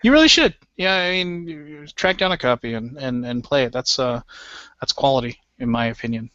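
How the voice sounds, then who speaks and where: A man co-hosting a casual board game webcast, rambling and excitable with lots of restarts. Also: medium pitch, brisk, no echo, muffled recording. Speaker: co-host. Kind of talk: casual chat.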